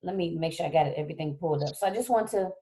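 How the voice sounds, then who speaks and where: A woman hosting a talk show with a low, mellow voice that is wearing thin. She chats casually and often repeats herself, greeting viewers over a laptop call. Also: rapid-fire. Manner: warm-up chatter, repeats herself while reading names. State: losing her voice. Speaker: host. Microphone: laptop on a video call.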